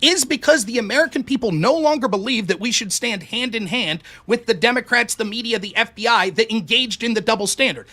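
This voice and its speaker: Brief: quick-fire male debater, bright and forceful, pressing hard with questions. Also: very high voice. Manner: rapid, argumentative, rhetorical questions. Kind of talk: heated online debate.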